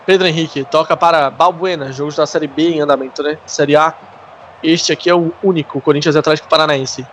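High-voiced Brazilian male football commentator. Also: fairly even intonation, fast talker, a bit bright, slight background noise. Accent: Brazilian Portuguese. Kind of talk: live football play-by-play.

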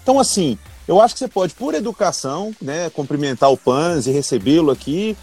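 Male panellist, Brazilian accent, casual delivery, notably high voice, soft music bed. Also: expressive, brisk, husky. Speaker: podcast panellist. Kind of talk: casual chat.

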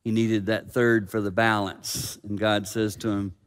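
A man preaching a sermon as pastor, swinging from loud dramatic peaks to hushed quiet. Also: lowish voice, flat delivery, a little slow, clean tone. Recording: long reverb of a hall.

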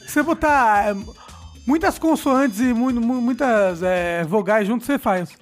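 A woman chatting casually on a podcast, playful and quick to laugh. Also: a little high. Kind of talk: casual chat. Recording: music playing loudly behind.

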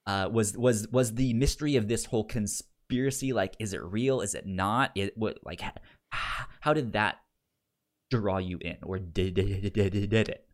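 At a normal speed and fairly low pitch, a man co-hosting a podcast goes over a recap casually, stuttering and repeating the first sounds of words. When he quotes someone, he does it in exaggerated, playful raised voices.

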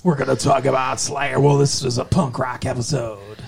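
A man's voice: mid-range voice, steady tone, normal speed, gravelly, soft background music. A man co-hosting a podcast in casual chat, goofy and rambling, swearing freely. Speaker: podcast co-host.

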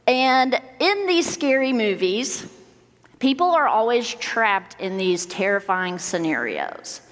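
A woman's voice: on the high side, sing-song, slow pace. A young woman preaching a casual, joking sermon as a church youth minister. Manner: playful, joking asides. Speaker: minister of students and young adults. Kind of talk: conversational sermon. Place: large church sanctuary. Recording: long hall reverb.

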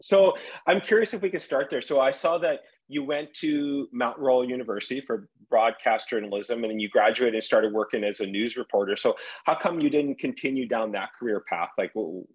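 A man hosting a business interview show, friendly and quick, often restarting his questions. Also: mid-range voice, slightly rough, poor audio. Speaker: podcast host. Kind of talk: casual interview.

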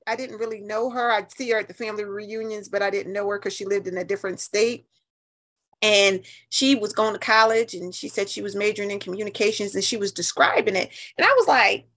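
A woman in her fifties with an American accent and a voice on the high side tells stories as an interview guest. Her conversational delivery is animated, emphatic and colloquial.

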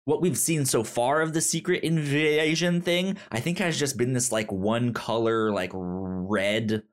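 This podcast co-host has a mid-range voice and talks a little slowly. His casual conversation about comics and shows bubbles with nerdy excitement, and he keeps looping back to reword his points.

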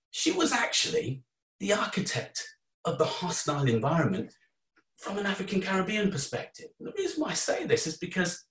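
A man's voice: sits high, fairly bright tone. A man giving an informal, earnest talk, conversational and prone to asides and restarts. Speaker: speaker giving a talk on faith and immigration. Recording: roomy sound from a distant mic.

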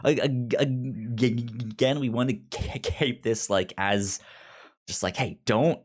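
A podcast host talks loosely and relaxed in a slightly rough, medium-pitched voice, taking his time. His speech is heavy with fillers, and he often stutters on the opening sounds of words.

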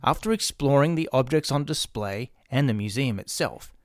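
This middle-aged Australian man hosts a podcast and creates drama workshops, and here he reads scripted promo narration over music. His medium-pitched voice has lively intonation at a normal speed, recorded in a clean studio with no room sound.

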